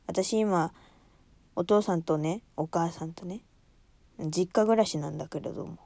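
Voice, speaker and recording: A woman's voice: lowish voice, dark tone, no echo. A young woman hosting a casual solo talk show, chatting in a rambling way and laughing often.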